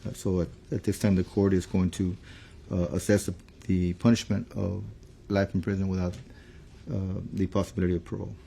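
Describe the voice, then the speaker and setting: A man serving as a judge in a courtroom recording, reading a verdict and running proceedings with halting speech full of fillers. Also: low-pitched, flat delivery, vocal fry, dark tone, a little hiss or hum. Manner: halting, many fillers and restarts. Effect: courtroom recording played back.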